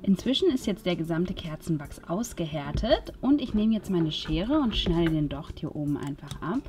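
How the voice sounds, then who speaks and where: A woman calmly explaining a crafting project step by step, as host of a tutorial video. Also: fairly low pitch, moderate pace, faint music behind. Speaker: DIY channel host.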